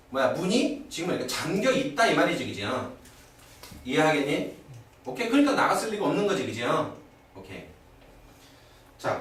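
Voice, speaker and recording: A middle-aged man teaching English grammar in a live classroom lecture. He keeps asking his students quick rhetorical questions to check that they follow. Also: a little high, a bit bright, distant mic. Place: classroom at a cram school. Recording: echoey room, voice from afar, old video.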